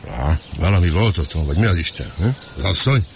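A man playing a gruff coworker who dismisses his friend's worries. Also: low-pitched, lively intonation, noisy background.

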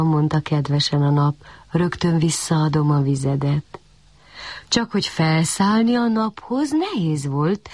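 Woman reading a children's tale, lively rising and falling voice, slightly husky, close dry sound. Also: fairly low pitch, no echo. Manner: expressive, animated storytelling. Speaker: storyteller. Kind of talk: reading a children's story aloud.

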